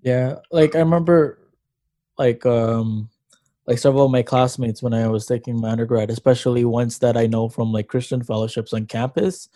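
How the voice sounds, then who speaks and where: Flat, mellow Canadian man. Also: mid-range voice, normal speed, no room sound. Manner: reflective, hesitant with many fillers. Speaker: podcast co-host. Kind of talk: casual chat.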